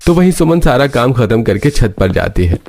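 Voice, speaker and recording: A man narrating a family cartoon story in a steady storytelling manner. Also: mid-range voice, normal speed.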